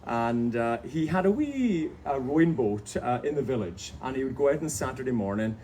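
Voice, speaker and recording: A man's voice: medium pitch, expressive, moderate pace, warm tone, a little hiss or hum. A Scottish man from the Outer Hebrides with a Hebridean accent, telling a family story on stage with chuckles and self-mockery. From Outer Hebrides, Scotland. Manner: anecdotal, chuckling, self-mocking. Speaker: author guest at a book event. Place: bookshop event with audience. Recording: distant mic, live audience.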